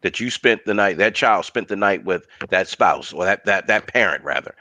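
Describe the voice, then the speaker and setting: Low, forceful male host, moderating a panel, encouraging, dry sound. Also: expressive, moderate pace, no echo. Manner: encouraging, calls guests brother.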